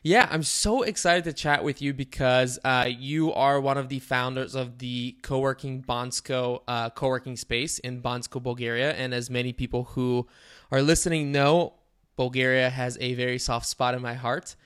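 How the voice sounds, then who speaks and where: Male podcast host, smooth clear voice, upbeat, chatty, casual interview. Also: medium pitch, fairly even intonation, normal speed, a bit bright.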